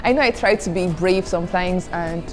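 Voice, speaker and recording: At a moderate pace and in a lowish voice, a young adult Nigerian student vlogger, an Igbo native speaker, answers viewer questions in a rough recording over background music. She chats casually, addressing the audience as "guys" and giggling between answers.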